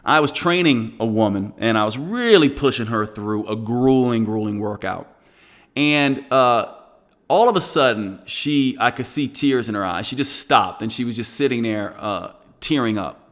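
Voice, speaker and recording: A man in his forties teaches fellow trainers, telling his story with energy and throwing rhetorical questions at his listeners. His voice sits at an ordinary middle pitch. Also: lively intonation, moderate pace, a bit bright. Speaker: fitness educator teaching trainers. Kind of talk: direct-to-camera teaching talk.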